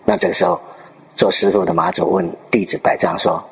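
Male dharma teacher, lower register, lively storyteller who quizzes his listeners; recorded with long hall reverb. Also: a little fast, gravelly. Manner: checks in with rhetorical questions to listeners. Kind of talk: dharma talk retelling a Zen story.

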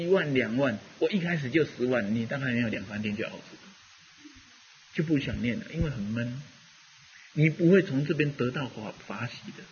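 A man's voice: mid-range voice, darkish tone, muffled recording, a little hiss or hum. A man giving a rambling, conversational Buddhist dharma talk, full of fillers as he teaches.

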